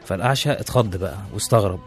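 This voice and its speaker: Fast-talking Egyptian storyteller man. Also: lowish voice, soft background music. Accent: Egyptian Arabic. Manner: chatty, restarts, asides to listener. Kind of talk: casual storytelling.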